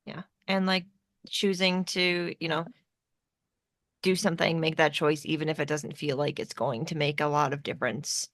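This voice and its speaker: A woman's voice: low voice, steady tone, moderate pace, a bit bright, no room sound, studio quality. A woman hosting a podcast in a casual chat, agreeable, often affirming with yeahs and ums. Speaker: podcast host.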